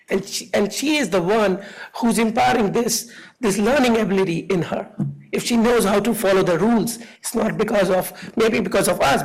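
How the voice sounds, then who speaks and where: Hoarse man with a raspy, whispery, high voice. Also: low-quality recording. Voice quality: hoarse, raspy, breathy voice from having lost it. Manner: earnest, halting, repeats words. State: voice lost from allergies, hoarse and whispery. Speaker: parent giving public comment. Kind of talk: informal public comment at a board meeting.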